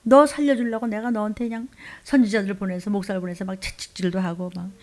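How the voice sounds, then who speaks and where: A woman's voice: mid-range voice, fairly even intonation, fast, a little mellow. A woman pastor preaching a sermon, scolding and pleading, often dropping into a whisper.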